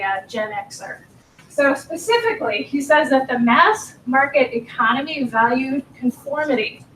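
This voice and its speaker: A woman's voice: high-pitched, a bit bright, slight background noise. A woman in her forties giving a workshop talk, earnest and encouraging, her voice a little strained. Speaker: workshop speaker. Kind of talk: workshop presentation. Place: meeting room. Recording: echoey room, mic at a distance.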